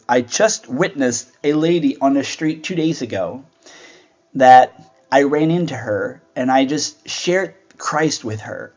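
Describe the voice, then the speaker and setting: A man hosts a devotional Bible teaching in an earnest, conversational way, often asking rhetorical questions. His voice sits at an ordinary middle pitch. The recording sounds somewhat dull and lo-fi. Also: a little mellow. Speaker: host of a Bible teaching show.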